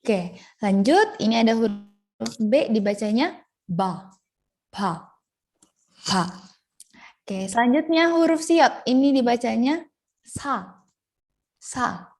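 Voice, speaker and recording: A young woman teaching a Korean lesson over a video call, chatty and playful, slowly sounding out syllables. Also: fairly high pitch, animated, a little mellow. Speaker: Korean language tutor. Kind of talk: online language lesson.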